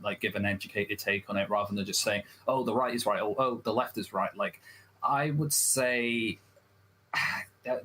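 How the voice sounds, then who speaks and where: A man debating on a livestream, talking in a hesitant, measured way and often restarting his phrases. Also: fairly low pitch, fairly bright tone, slight background noise. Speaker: debate guest.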